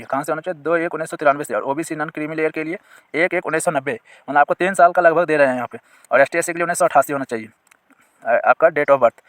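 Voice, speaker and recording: Going through a recruitment notice for his viewers, a male exam-prep teacher reads each clause slowly, then explains it again simply, asking questions and pointing to on-screen sections. He speaks at a fairly high pitch with a slightly bright tone, and there is no echo.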